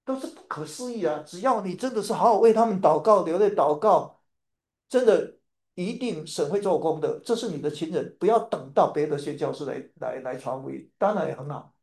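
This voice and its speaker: A man from Taiwan preaching a sermon, telling a family story in an animated way and repeating his phrases. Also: on the high side, a little fast, creaky, roomy sound.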